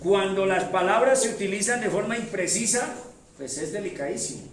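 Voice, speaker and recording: A man with a slightly high voice teaches a Bible seminar like a chat, checking in with rhetorical questions and calling his listeners by pet names. He sounds distant from the mic, in a hall with heavy echo and a faint hiss. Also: fairly quick. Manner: affectionate toward listeners. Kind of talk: classroom-style Bible teaching. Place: church hall. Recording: very echoey hall, voice from far off.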